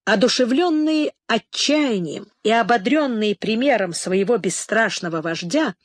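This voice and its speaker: A woman narrating a novel in a measured, even reading voice as an audiobook narrator. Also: a little high, dry recording, clean studio sound.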